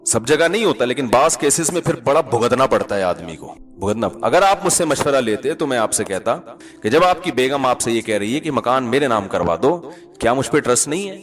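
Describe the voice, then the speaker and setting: A man's voice: medium pitch, lively intonation. A man preaching a sermon as a mufti, chatty and teasing, often asking listeners if he is right and quoting Arabic scripture.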